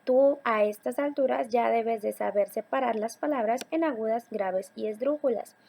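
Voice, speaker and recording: A woman teacher giving a recorded slide lesson, talking patiently to her students and slowing down on key words. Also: fairly high pitch, vocal fry, dark tone. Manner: patient, addresses students directly, slows to stress key words.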